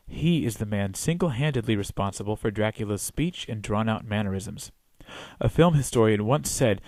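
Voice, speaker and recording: A man's voice: on the low side, a little mellow, dry recording. A man narrating a scripted film review as the reviewer, in a wry, opinionated way.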